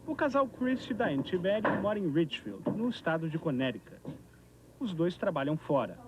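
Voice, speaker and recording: A man's voice: fairly high pitch, sing-song, normal speed, highs cut off. A man with a Brazilian accent narrating a scripted TV news report, recorded on an old VHS tape. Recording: noisy 1990s VHS tape of TV broadcast.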